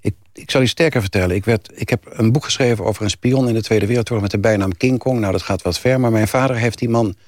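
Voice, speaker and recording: Animated older man telling stories. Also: lowish voice, quick pace, hardly any pauses, dry recording, clean studio sound. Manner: animated storyteller, rises when telling family anecdotes. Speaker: author guest. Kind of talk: radio interview, anecdotal storytelling.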